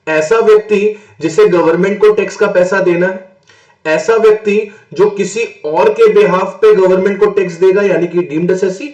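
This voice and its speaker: A man from northern India teaching a fast-paced tax lecture, mixing English terms into his Hindi and answering his own rhetorical questions. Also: sits high, steady tone, a little mellow. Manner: asks rhetorical questions and answers them himself. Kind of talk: exam-prep classroom lecture. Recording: roomy echo.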